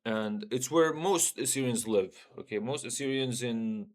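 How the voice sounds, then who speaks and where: A young Syrian man chats casually on a livestream in a mid-range voice at a measured pace. He talks loosely and bluntly, swears, and often tacks "right?" onto the end of his points.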